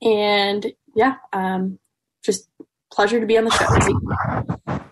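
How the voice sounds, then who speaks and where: A woman's voice: mid-range voice, little pitch movement, slow pace, background noise. A woman in her twenties from Wisconsin, a guest athlete giving casual, hesitant answers. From Wisconsin, USA. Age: 20s. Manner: hesitant, many fillers.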